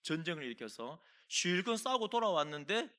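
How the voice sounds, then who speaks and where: A man's voice: fairly high pitch, brisk. A middle-aged man preaching a Sunday sermon as pastor, telling stories with acted-out quoted voices. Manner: animated storytelling, acts out quoted voices. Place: church sanctuary.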